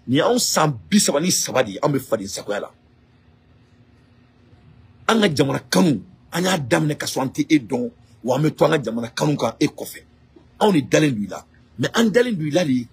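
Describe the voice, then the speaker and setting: A man's voice: on the high side, vocal fry, slightly rough. A man from Mali with a Malian French accent gives an impassioned political address, repeating phrases and asking rhetorical questions as he switches between French and Bambara. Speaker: political activist.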